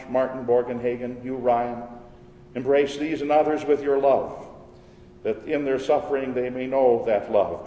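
A pastor leading a church service, praying and chanting the liturgy in a solemn, measured way, his voice echoing through a large church. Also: mid-range voice, mellow. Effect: cathedral-like echo from a large church. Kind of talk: liturgical prayer and chanted responses. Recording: roomy church hall with long reverb, faint organ.

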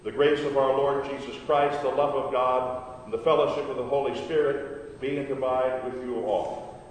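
A man leading liturgical prayers in a measured, solemn way, his voice ringing with a cathedral echo. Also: fairly even intonation. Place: large church. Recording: echoey hall with long reverb, faint rumble.

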